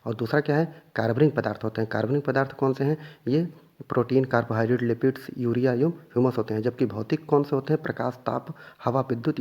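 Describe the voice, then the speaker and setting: A man's voice: mid-range voice, warm tone, breathy edge. A man teaching an exam revision lesson, asking questions and answering them himself, stressing the key points again and again. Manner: repeats key points and quizzes listeners with questions.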